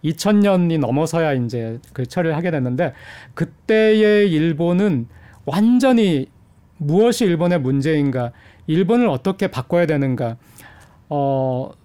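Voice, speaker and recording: A middle-aged man, an economics professor, gives measured interview answers with frequent hesitation fillers. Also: on the high side, animated, dark tone, clean tone. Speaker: economics professor, studio guest.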